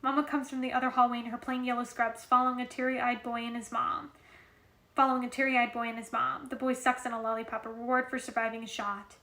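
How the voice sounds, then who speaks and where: A woman's voice: fairly high pitch, level tone, quick pace, pushed and bright. A woman reading a novel aloud in a casual way, with occasional restarts. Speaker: reader. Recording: roomy echo.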